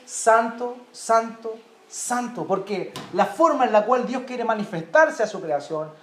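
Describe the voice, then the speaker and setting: A man's voice: high-pitched, echoey room, slight background noise. A man preaching a sermon in a Chilean Spanish accent, emphatic, repeating key words and checking in with the congregation. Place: church.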